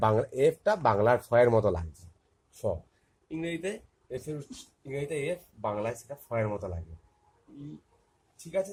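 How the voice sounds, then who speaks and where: A man's voice: mid-range voice, a little mellow, breathy edge. Bengali-accented male teacher, patient phonics drill, spells letter by letter and repeats each word. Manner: spells out words letter by letter, repeating them slowly. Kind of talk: phonics lesson for young children.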